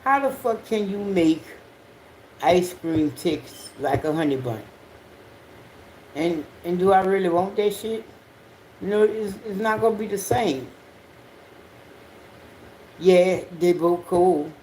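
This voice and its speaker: A person with a Southern US accent chatting casually on a livestream in an unhurried, slangy, profane way. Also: medium pitch, lively intonation, a little mellow, slight background noise, low-quality recording. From Southern United States. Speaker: livestream host.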